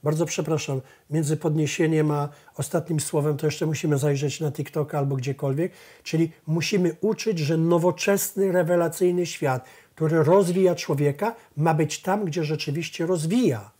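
A middle-aged man with a husky, slightly higher voice speaks as a guest on a studio talk show. He tells stories with lively energy and acts out family conversations along the way. His tone is soft and dark rather than bright. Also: normal speed. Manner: animated storyteller acting out family dialogues. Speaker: professor and therapist.

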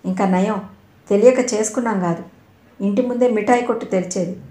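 A woman's voice: medium pitch, fairly quick, warm tone, natural voice. A woman voicing a proud, stern middle-aged mother in a storybook reading. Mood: disapproving. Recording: roomy echo.

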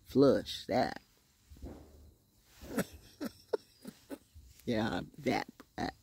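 A woman's voice: a bass voice, animated, extremely slow, creaky, darkish tone, slight background noise. A woman in her sixties giving a sassy, profane vlog monologue outdoors in the woods, speaking into a phone held close at arm's length, with whispered asides. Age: 60s. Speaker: vlogger. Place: outdoors on a wooden deck in woods.

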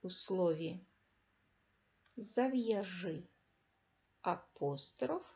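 A woman teacher giving a reading lesson to young children, speaking clearly and with emphasis and stressing each word. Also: lowish voice, expressive, drawn-out words, darkish tone, lo-fi sound. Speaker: primary school teacher.

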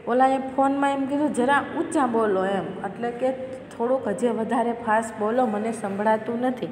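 A woman's voice: fairly high pitch, moderate pace, darkish tone. A woman from Gujarat teaching a class. She reads each line aloud, then patiently explains it again in plain words. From Gujarat, India. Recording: echoey room with long reverb and faint hiss.

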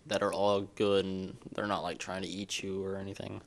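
Gravelly young man, chatty game commentary. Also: sits low, little pitch movement, normal speed. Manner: mild clean exclamations, chatty and self-deprecating. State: hiccuping. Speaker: gameplay commentator. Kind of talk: casual let's-play commentary.

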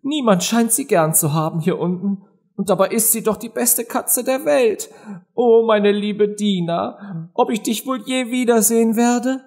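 A man voicing a curious, polite little girl in an audiobook, high and eager. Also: huge pitch swings, moderate pace, a little mellow. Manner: high, eager and wide-eyed. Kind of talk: audiobook character voice.

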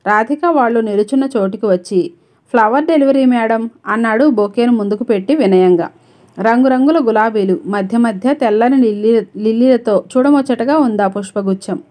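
A woman narrates a novel as an audiobook, with a voice that sits somewhat high. She reads the story's dialogue as well as its narration and keeps her own voice for every character. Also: darkish tone.

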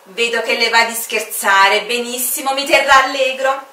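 A woman's voice: on the high side, moderate pace, sharp tone, roomy sound, recorded from a distance, voice pushed up. A woman voicing a stubborn, officious male airport commander who speaks in an indignant, bossy way. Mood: mocking.

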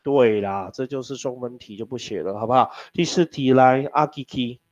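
A man's voice: mid-range voice, moderate pace, darkish tone. A man teaching an English class, teasing his students and spelling words out letter by letter. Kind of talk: classroom lesson. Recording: dull lo-fi classroom recording.

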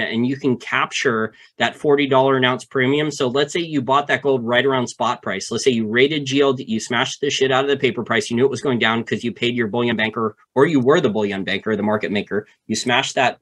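A man co-hosting a finance podcast, walking through market mechanics step by step in a casual, animated way with frequent repeats. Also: medium pitch. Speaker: podcast co-host.

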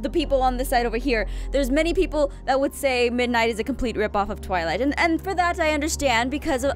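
Woman playing a high-voiced, sassy bumbling lawyer. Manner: theatrical, halting, self-important. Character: sassy, bumbling, overconfident young female defence lawyer. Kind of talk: improvised courtroom role-play.

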